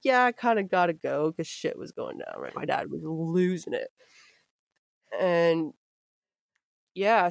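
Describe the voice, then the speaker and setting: A woman's voice: on the low side, no room sound. Girl swearing thru a wild story, dry close sound, laughs a lot. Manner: profane, laughing, animated anecdotes. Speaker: podcast host. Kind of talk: casual storytelling chat.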